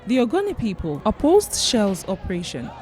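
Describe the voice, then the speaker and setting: A woman narrating a documentary in a solemn, clear and expressive scripted style. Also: mid-range voice, moderate pace, faint music behind.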